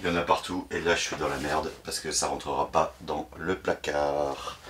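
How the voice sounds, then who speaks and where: A man chatting casually in a vlog while clearing out a closet at home, rambling, swearing and poking fun at himself. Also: very deep voice, steady tone, normal speed, a crowd in the background. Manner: rambling, swearing, self-mocking. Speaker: YouTuber. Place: cluttered apartment, clearing a closet.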